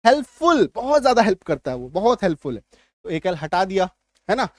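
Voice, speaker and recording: A man's voice: high voice, big pitch swings, fairly quick, no echo, studio quality. A man teaching English spelling rules, repeating points and checking if students follow. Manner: repetitive, reassuring, keeps checking understanding. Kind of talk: spoken lesson explaining spelling rules.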